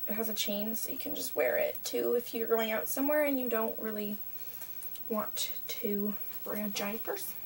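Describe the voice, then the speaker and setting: Young woman, bright high voice, rambling casual chat, distant webcam mic, light hiss. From Canada. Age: young adult. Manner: chatty and rambling, with many fillers. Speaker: vlogger. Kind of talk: casual haul video. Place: small cluttered bedroom. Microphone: webcam at desk distance.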